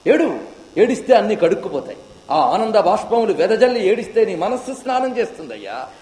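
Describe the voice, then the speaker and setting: A man with a high, ringing voice delivers a devotional discourse, chanting verses between impassioned passages that rise and fall. His voice carries through a large hall, with a long reverb trailing each phrase. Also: big pitch swings, a little fast, dark tone. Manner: emotional, impassioned, rising and falling delivery. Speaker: devotional speaker.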